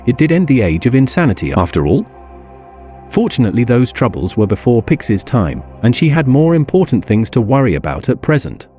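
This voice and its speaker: A man reading a story aloud as narrator, in an expressive, lively way. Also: medium pitch, a little fast, soft background music.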